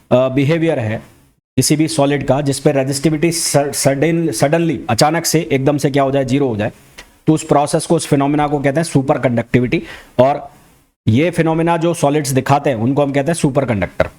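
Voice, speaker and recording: Quick-talking Indian male physics teacher. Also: a little high, a little mellow. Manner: quick, admits speaking too fast, repeats key terms as questions. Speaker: physics educator. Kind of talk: fast revision lecture.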